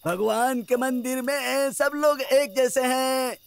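A man's voice: extremely high pitch, fairly even intonation, takes it slowly, vocal fry, no room sound, heavily acted. A man playing a crafty, money-minded church priest who pleads and then preaches slyly. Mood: sly preachy. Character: crafty greedy middle-aged male church priest. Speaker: church father. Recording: film soundtrack with background noise.

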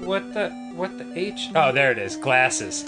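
A man's voice: mid-range voice, very animated, a little slow, music in the background. A young man co-hosting a casual gaming chat with dry, teasing banter. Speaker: co-host. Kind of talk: casual chat over a video game.

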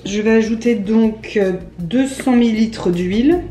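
A woman's voice: on the high side, unhurried, dark tone. A woman in her thirties chatting casually as she cooks at home and explaining each step of a recipe. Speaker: cooking vlogger. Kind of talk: casual cooking vlog. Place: home kitchen, indoors. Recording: echoey kitchen, music behind.

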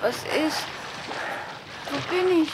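A dazed, exhausted young-sounding survivor in a horror radio play. Her voice is high and worn out, over noisy water effects. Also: slow pace. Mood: dazed, weary. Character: exhausted woman rescued from a lake. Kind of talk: horror audio drama acting.

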